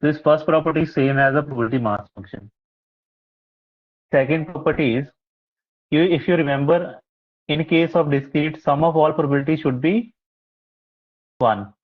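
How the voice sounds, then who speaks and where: Husky man teaching an online math class. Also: on the high side, moderate pace, long pauses. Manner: patient, explanatory, frequent fillers. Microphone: laptop or headset mic on a video call. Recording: muffled, lo-fi online call audio.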